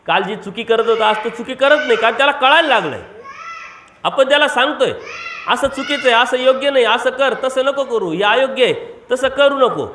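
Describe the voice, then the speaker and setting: High-voiced preaching man in an echoey room. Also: fairly bright tone. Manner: rhetorical questions and emphatic repetition. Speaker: monk preacher. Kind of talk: devotional sermon.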